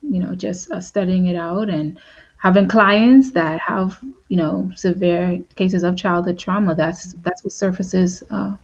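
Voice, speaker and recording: A woman with a fairly low voice talks through a panel discussion as a trauma counselor. She is reflective and leans on "you know" as she goes. The recording sounds dull and lo-fi. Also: unhurried, darkish tone. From Bahamas. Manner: reflective, lots of "you know", laughs lightly.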